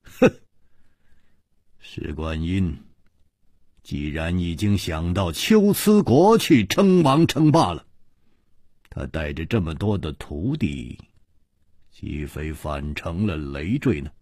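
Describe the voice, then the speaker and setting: A man voicing a shrewd, cool-headed male swordsman hero who reasons slowly and deliberately. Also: on the low side, sing-song, a little mellow, husky, no room sound, clean studio sound, heavily acted. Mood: cold. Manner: slow, deliberate, coldly reasoning.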